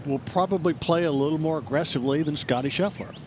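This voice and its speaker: A man's voice: fairly high pitch, fast. A man working as a golf commentator and analyst, explaining strategy and shots in short, advisory remarks. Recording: clear outdoor ambient noise behind voice.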